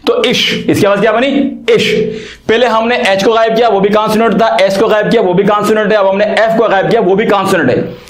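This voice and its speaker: A man's voice: sits high, steady tone, brisk. Man, English teacher, casual lesson, rhetorical questions, echoey room. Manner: chatty, folksy, asks rhetorical questions.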